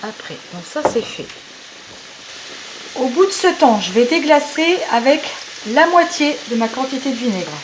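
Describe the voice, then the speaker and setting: A woman hosting a home cooking show, chatting warmly and explaining each step of a recipe. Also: sits high, big pitch swings, moderate pace, noisy background. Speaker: cooking channel host. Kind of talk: cooking demonstration. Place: home kitchen.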